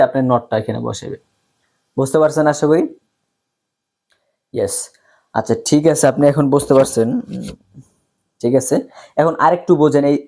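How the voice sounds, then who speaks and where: A man teaching an English lesson in a slightly higher voice, going over each point patiently and repeating it. He says the example sentences very slowly and keeps checking that his students follow. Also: darkish tone. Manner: slow, repetitive explaining with frequent check-ins.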